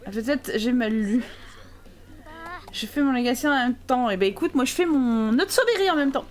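A woman's voice: high voice, animated, normal speed. A woman streamer giving live gameplay commentary, chatting with viewers in a teasing, sarcastic way.

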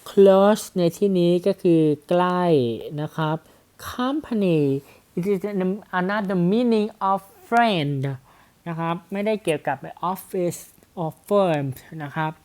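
A male English teacher talks through a grammar exercise in a smooth, clear voice. He drags out each example sentence very slowly, word by word, then asks his students questions about it. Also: high-pitched, a little mellow. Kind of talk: grammar lesson explanation.

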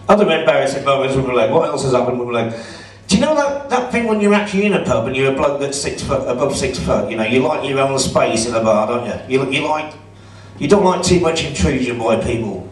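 A man's voice: medium pitch, lively intonation, fairly quick. A middle-aged man doing a stand-up comedy set in a club, chatty and sarcastic as he teases the crowd. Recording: roomy audio from a distance.

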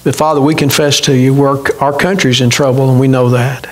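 A man's voice: mid-range voice, fairly even intonation, fairly quick, poor audio. A middle-aged man preaching a sermon from a church pulpit, earnestly putting questions to his congregation. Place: church sanctuary, indoors, at a pulpit.

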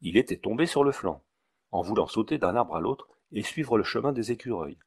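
Low-voiced man reading an audiobook. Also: creaky, breathy edge. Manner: measured, expressive storytelling. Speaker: audiobook narrator. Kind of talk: audiobook reading of a classic novel.

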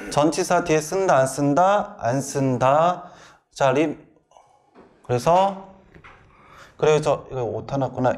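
A middle-aged male English instructor giving a classroom grammar lecture, firing quick questions at students and answering them himself. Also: a little high.

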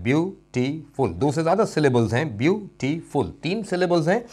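A male English teacher giving a classroom grammar lesson. He stretches out example words and repeats them, and he keeps checking that his students follow. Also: a little high. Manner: addresses students warmly as "son" and checks understanding with "okay?".

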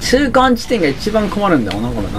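A young man giving excitable let's-play commentary, often shouting and laughing at the action. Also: high voice, quick pace, background noise. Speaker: game commentator.

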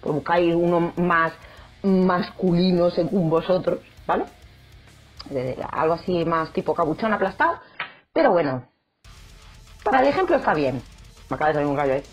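A woman's voice: lowish voice, moderate pace, long pauses. Young woman, jokey vlogger chat, dull-ish audio, faint music under it. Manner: chatty, jokey, animated, acts out quoted voices. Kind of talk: casual chat to camera.

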